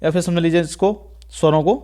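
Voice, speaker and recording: Speaking briskly with a steady, dark tone on the high side, a teacher explains Hindi grammar one step at a time in a video lecture. He frequently checks in with "ठीक है" and restates important points.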